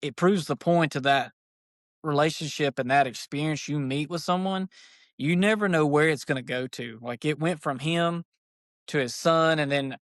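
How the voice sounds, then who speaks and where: A man, an archery shop owner, telling stories as a podcast guest in a folksy, animated way. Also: on the high side, moderate pace, no echo, studio quality. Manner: animated, folksy, says "dude" a lot. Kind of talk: casual storytelling chat.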